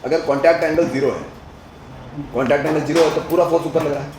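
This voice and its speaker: A man's voice: on the high side, steady tone, fast talker, darkish tone, reverberant, slight background noise, poor audio. A male physics teacher lecturing at a board, asking the class questions as he works through each step and mixing Hindi with English terms.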